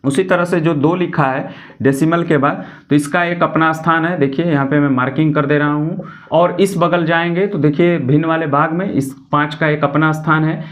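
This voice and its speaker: A man's voice: on the high side, fairly even intonation, moderate pace. A man teaching decimals as a maths teacher, patient and repetitive, often checking in with the class. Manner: patient, repeats points, frequent "ठीक" check-ins. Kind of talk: classroom lesson explaining decimals.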